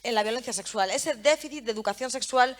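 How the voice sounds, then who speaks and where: A woman moderating a panel interview, asking long, measured questions with small hesitations. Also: on the high side.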